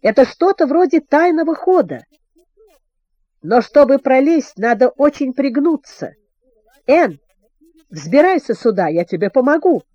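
A woman voicing an adventurous teenage boy who calmly leads his friends and speaks eagerly. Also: high-pitched, unhurried, long pauses, no room sound, dull audio, pitched above the performer's own voice.

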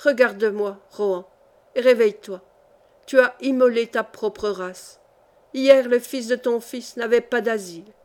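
Fierce commanding noblewoman, played by a woman reader, forceful and urgent. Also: fairly high pitch, measured pace, lightly acted.

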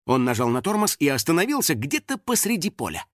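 A man narrating a children's audiobook in an expressive, storytelling manner, recorded close to the microphone. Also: a little high, quick pace, no room sound.

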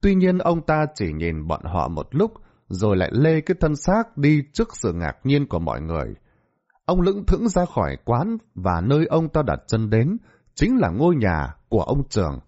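A male storyteller narrates a dramatic tale with a very lively, swooping pitch. The recording is dull and lo-fi. His delivery is expressive throughout. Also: moderate pace. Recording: dull lo-fi audio.

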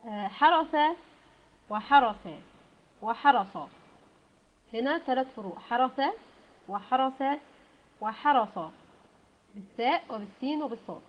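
An Egyptian woman giving a methodical Arabic lesson, explaining word pairs and often pausing on "aah". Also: a little high. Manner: methodical, with frequent "aah" fillers. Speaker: Arabic language teacher. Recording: dull lo-fi sound.

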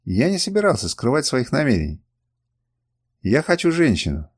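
A man reading an audiobook, voicing a calm, resolute male warrior who speaks firmly and with restraint. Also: mid-range voice, normal speed, husky. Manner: firm, restrained, commanding.

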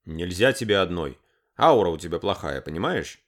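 A man's voice: low-pitched, very animated, normal speed. A man reading the part of a gangly young man who is hesitant and earnest as he makes his case. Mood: awkward, earnest.

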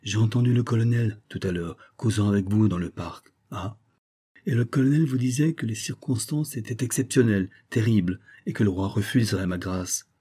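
A man's voice: on the low side, moderate pace, breathy edge. A man reading as a resigned condemned count. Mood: earnest. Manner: quiet, earnest.

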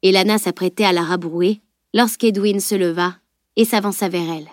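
A woman reading a fantasy novel aloud in a steady, measured storytelling voice. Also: medium pitch, no echo, studio quality. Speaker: audiobook narrator. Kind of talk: scripted audiobook narration.

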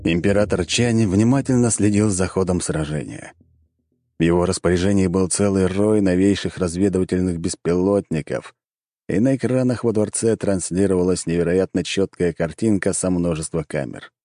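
A man reading an audiobook as narrator in an even, measured way. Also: low-pitched, no echo, studio quality. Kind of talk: scripted narration.

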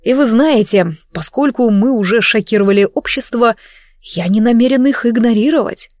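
A woman's voice: a little high, moderate pace, a little mellow, no echo, studio quality, close to an everyday voice. A woman voicing a teasing, mocking young crown prince in a read-aloud storybook.

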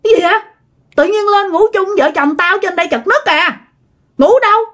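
A man's voice: very high voice, normal speed, bright, forceful tone, pitched above the performer's own voice. A woman voicing an irritated husband woken at midnight, scolding. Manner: scolding, exasperated.

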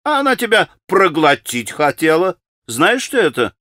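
A male audiobook reader puts on a sarcastic young man who taunts everyone around him. His voice is pitched up and sharp with spite, recorded close and dry. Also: very animated, normal speed, dry recording, full character voice. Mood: spiteful.

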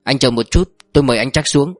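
A man voicing a calm, authoritative older manager who gives firm orders. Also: medium pitch, fast talker, dry recording, clean studio sound, soft background music, close to an everyday voice. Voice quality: firm, commanding.

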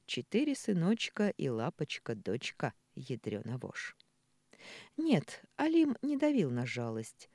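An audiobook narrator reading with expressive storytelling. The voice is mellow and dark, with a pitch that moves a lot. The recording is dry and close. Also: a little slow, creaky, no room sound. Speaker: audiobook reader. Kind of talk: scripted narration.

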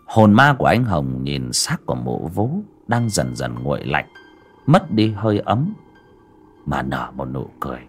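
Man, horror audiobook narrator, low husky voice, lively rising and falling delivery. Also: a little slow, faint music behind. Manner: dramatic storytelling.

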